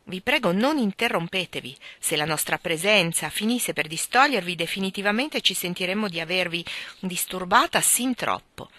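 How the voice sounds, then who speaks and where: A woman reading the lines of an impulsive young gentleman, earnest and slightly impatient. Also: fairly low pitch, lively intonation, moderate pace, no room sound.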